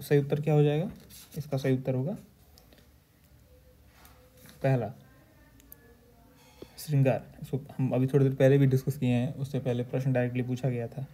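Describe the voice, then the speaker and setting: A male teacher going through exam questions, reading each answer option aloud slowly and then stating the correct one. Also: mid-range voice, mellow. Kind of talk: exam question walkthrough lecture.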